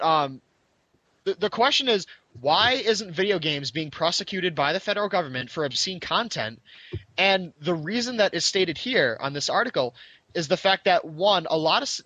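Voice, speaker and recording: A man's voice: high voice, pushed and bright, no room sound. A man hosting a casual gaming podcast, chatting loosely with upbeat restarts. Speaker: podcast host. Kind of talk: casual chat.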